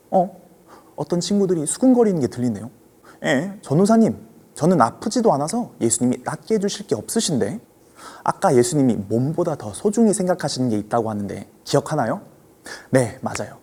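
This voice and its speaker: A man giving a children's sermon as a ministry preacher, telling the story gently and asking the kids questions. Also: medium pitch, breathy edge.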